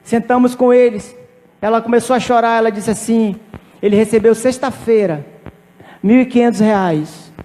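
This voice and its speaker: A pastor preaching a sermon, telling a personal testimony with emphatic repetition. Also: male voice, very high-pitched, moderate pace, dark tone, long reverb tail. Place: church.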